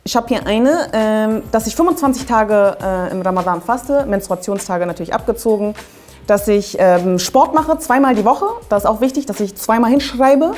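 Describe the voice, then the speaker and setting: A woman's voice: medium pitch, normal speed, darkish tone, soft background music. A young woman hosting a comedy video, telling stories to the camera in a playful, exaggerated way. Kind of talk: comic storytelling to camera.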